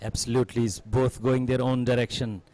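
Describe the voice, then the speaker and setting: A man's voice: medium pitch, flat delivery, a little fast, a little mellow, a little hiss or hum. A man doing live cricket commentary as a co-commentator, in short, clipped phrases.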